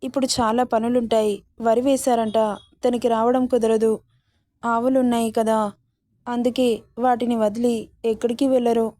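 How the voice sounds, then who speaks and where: A woman voicing a gentle young wife who pleads softly with her husband in a storybook reading. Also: on the high side, flat delivery, normal speed, long pauses, dry recording, studio quality, natural voice. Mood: pleading.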